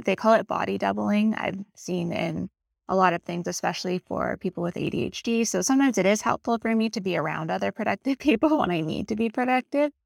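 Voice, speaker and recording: A woman gives a reflective tarot reading as a casual, rambling monologue, earnest and heartfelt, at times close to tears, often checking in with "right?". Her voice is medium-pitched and creaky, with no echo.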